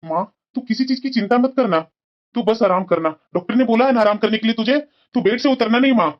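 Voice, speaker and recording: A voice actor playing a worried, dutiful young husband in a cartoon, calling out loudly in alarm. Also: medium pitch, flat delivery, rapid-fire, muffled recording, close to an everyday voice. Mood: anxious. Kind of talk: cartoon voice acting.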